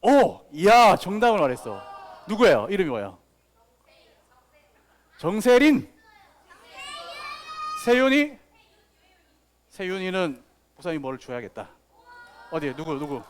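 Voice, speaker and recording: A man's voice: sits high, big pitch swings, moderate pace, long pauses. A man giving a children's sermon as pastor, telling playful stories with sound effects and asking the kids questions. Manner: talks directly to children with questions.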